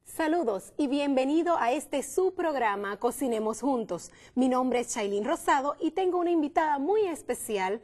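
A woman in her thirties hosting a TV cooking show from a studio kitchen, upbeat and quick to echo her guest. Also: high-pitched, lively intonation. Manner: bright, affirming echoes of her guest. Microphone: lapel mic.

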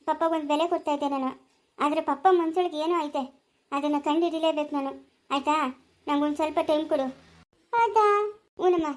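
Brief: performer as devoted daughter, gentle and repetitive, piercingly high voice. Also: natural voice. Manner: soothing, reassuring and repetitive. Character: caring daughter consoling her mother. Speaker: daughter in a family skit. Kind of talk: amateur family skit.

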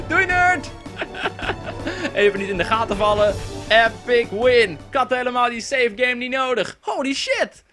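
A man's voice: sits high, pushed and bright. A young man doing let's play commentary, sarcastic and jokey, swearing often. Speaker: gaming YouTuber. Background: faint game music.

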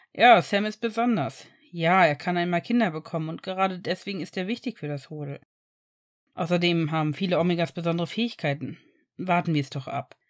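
A woman voicing a kind male village doctor who speaks gently and soothingly, with a few hesitations. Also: deep voice, no room sound, clean studio sound, pitched below the performer's own voice.

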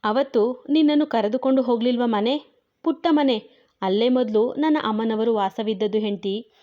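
A woman's voice: fairly high pitch, moderate pace, lightly acted. Woman voicing a grieving young husband. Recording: dull lo-fi recording.

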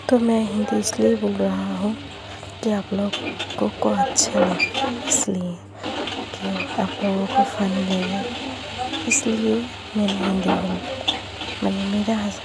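Hoarse Bengali woman in halting speech. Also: medium pitch, very noisy. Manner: halting, searching for words, many restarts. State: has a cold, voice hoarse. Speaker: lifestyle vlogger. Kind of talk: casual vlog chat. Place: home kitchen.

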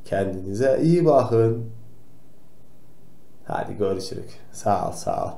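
A man playing a kindly old grandpa doctor who gently tells noisy children to stay quiet, in a comic role-play for kids. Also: lowish voice, lively intonation, slow pace, vocal fry, exaggerated voice. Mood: gently scolding. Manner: gentle, admonishing, talks straight to the kids. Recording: roomy echo.

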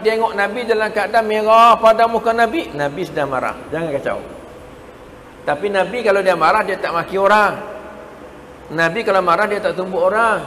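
A Malaysian man preaching a dawn lecture in a prayer hall, animated and repetitive, chanting Arabic verses now and then. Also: sits high, a little hiss or hum. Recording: echoey hall with reverb.

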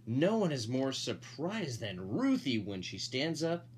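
Here a dad gives an animated read-aloud of a picture book, unhurried, his mid-range voice swinging widely in pitch. He stretches emphasized words and makes casual, playful asides, with a faint hiss or hum on the recording.

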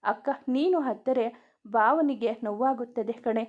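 Woman reader as a cheeky young woman in a storybook, higher voice, dull lo-fi sound. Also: measured pace, natural voice. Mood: teasing. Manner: teasing, lively banter. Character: playful teasing young woman. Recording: dull lo-fi recording.

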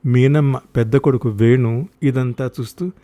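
A man narrating a short story for an audiobook in a measured, expressive way. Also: medium pitch.

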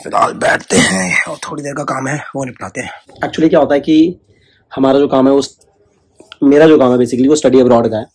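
Recorded indoors at home, this vlogger speaks in a husky, medium-pitched voice at a fairly quick clip. He chats casually to the camera, passing along tips and addressing his viewers as brother.

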